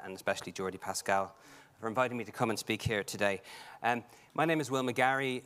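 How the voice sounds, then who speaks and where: A Dublin-accented Irishman with a fairly low, slightly bright voice gives an earnest prepared talk in a large conference hall. As a conference speaker, he fills his delivery with frequent ums and restarts.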